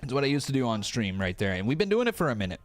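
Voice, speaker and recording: Very fast and at a medium pitch, a pro wrestling streamer from Canada, a man in his thirties, chats loosely with his live audience. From a room in the home he rents, he addresses chat directly and animatedly, swears from time to time, and jokes about himself.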